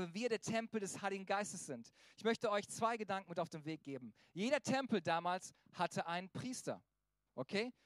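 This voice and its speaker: A middle-aged male pastor delivers a sermon in a lively, animated way, slipping into voices for the people he quotes. His voice sits high for a man. The sound is close and dry, with no room around it. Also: dry recording.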